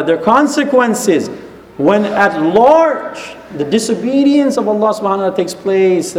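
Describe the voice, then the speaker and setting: A man preaching an earnest sermon, telling a moral story and using frequent religious phrases. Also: sits high. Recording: echoey hall.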